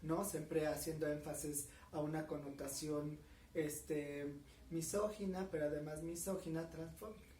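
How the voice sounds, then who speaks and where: An earnest Mexican woman in her forties, with a Mexican Spanish accent, is the interviewee in a recorded interview. Her low, mellow voice holds a steady tone, and she speaks in a measured way with frequent fillers. The room is echoey, the mic sits at a distance, and there's a slight hiss or hum.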